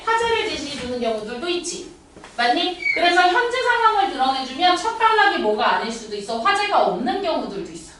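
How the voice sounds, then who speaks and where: A woman cram-school tutor lectures her class, telling blunt, lively stories and sometimes acting out loud scolding. Her voice is high. It rings through an echoey classroom, heard from some distance away. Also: a little hiss or hum. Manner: blunt, animated storytelling, acts out loud scolding.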